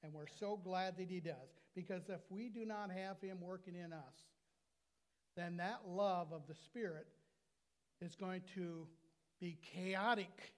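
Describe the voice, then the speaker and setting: An older American man preaching a sermon from the pulpit of a small church, slowing down to stress his words. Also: high-pitched. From United States. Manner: earnest preaching, slows and stresses key words. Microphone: lapel mic at a pulpit.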